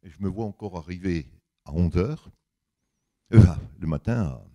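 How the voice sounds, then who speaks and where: Speaking at a normal speed on audio with the highs cut off, an older man tells anecdotes in a public talk. His big, deep voice carries colloquial, emphatic storytelling, and he performs bits of dialogue while narrating.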